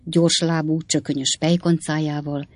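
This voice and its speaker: A narrator reading a story aloud as an audiobook in a slow, storytelling manner. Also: medium pitch, level tone. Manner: slow, storytelling, addressing listeners.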